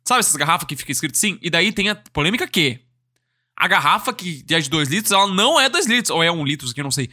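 A man hosting a casual solo podcast from Brazil, chatting in an animated way, laughing often and swearing freely. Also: on the high side, quick pace, no echo, studio quality. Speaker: podcast host.

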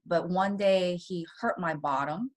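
A woman from Taiwan talks as an interview guest, telling her own story. Her voice sits a little low and she speaks softly. Nervous laughs break into her telling. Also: a little slow. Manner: soft-spoken, laughs nervously between painful memories.

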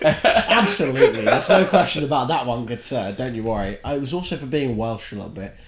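A man's voice: medium pitch, expressive, fast. A young man from Surrey with a posh southern English accent, bantering on a podcast in a wry, mock-formal, sweary way. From Surrey, southern England. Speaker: podcast co-host. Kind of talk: casual banter. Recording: echoey room with crowd noise.

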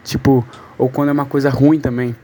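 A man with a southern Brazilian Porto Alegre accent talks in a relaxed voice message, explaining things step by step and acting out little examples. His pitch sits in an ordinary middle range. A faint hiss of noise runs under the recording. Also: a little fast. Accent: Porto Alegre Brazilian Portuguese. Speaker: listener sending a voice message.

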